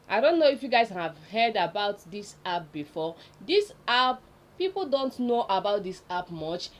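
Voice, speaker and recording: A slightly high female voice with a little hiss or hum on the recording. She has a Nigerian accent and hosts a casual, unscripted listicle tutorial, speaking directly to her audience and restating points for emphasis.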